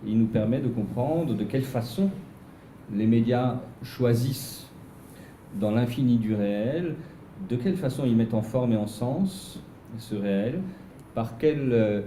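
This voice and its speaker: A man's voice: mid-range voice, mellow, echoey room, slight background noise. A man chairing an academic seminar, introducing the speaker with many hesitations and restarts. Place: seminar room.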